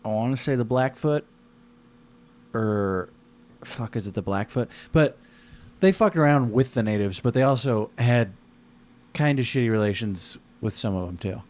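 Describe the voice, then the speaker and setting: A man's voice: medium pitch, normal speed, darkish tone. An American man in a casual, rambling chat, talking in slangy, profane language.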